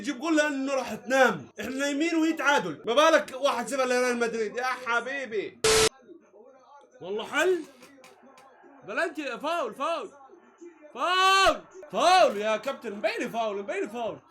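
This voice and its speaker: A man reacting live to a football match, excitable, often shouting and jeering at the play. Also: very high voice, fast talker.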